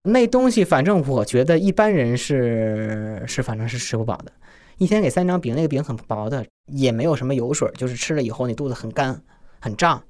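Through a voice changer, a man in his twenties from China narrates his personal story for a podcast in a plain, unpolished way. His mid-range voice has a darkish tone, and he sounds animated and a little fast.

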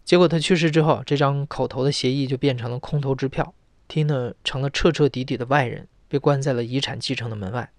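A man as host reads scripted narration in a measured, even way. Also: mid-range voice, no echo.

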